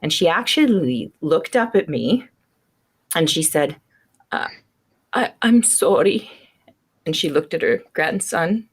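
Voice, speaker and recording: A woman with a low-pitched voice hosts a casual family podcast. She tells her stories in an animated way and acts out the people in them. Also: a little slow, husky. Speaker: podcast host. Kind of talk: casual storytelling chat.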